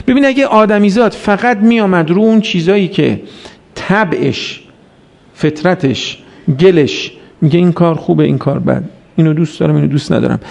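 Gravelly-voiced preacher giving a sermon. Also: male voice, sits high, a little mellow. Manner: exhorting, rhetorical questions, quotes Arabic verses. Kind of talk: religious sermon.

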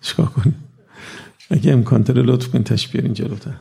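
A man giving a conversational religious lecture to a live audience, reciting verses slowly and often asking "right?". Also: mid-range voice, gravelly, warm tone, slightly rough.

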